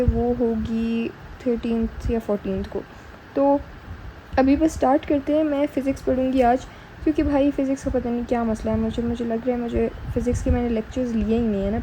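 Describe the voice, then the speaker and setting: A woman's voice: fairly high pitch, steady tone, brisk, mellow, a little hiss or hum, low-quality recording. A young woman from Pakistan, a student, chatting through a casual vlog voice-over and switching between Urdu and English mid-sentence. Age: young adult. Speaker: student vlogger.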